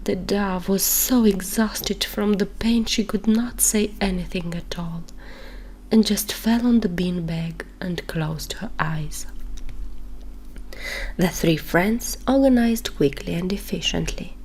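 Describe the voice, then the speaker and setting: Slow whispering woman storyteller. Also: mid-range voice, a little hiss or hum. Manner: soft, unhurried whisper. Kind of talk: whispered bedtime story narration.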